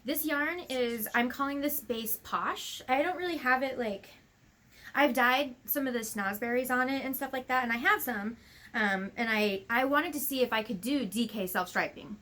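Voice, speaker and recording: A woman hosting a podcast in casual chat, relaxed and talkative with lots of fillers. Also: a little high, moderate pace. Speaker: podcast host.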